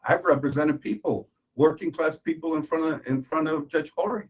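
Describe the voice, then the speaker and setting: A man's voice: a little high, normal speed, husky. Insistent man from Venezuela, lo-fi. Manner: earnest, insistent, repeats himself as he argues. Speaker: judicial candidate. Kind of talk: interview answers. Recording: dull lo-fi recording.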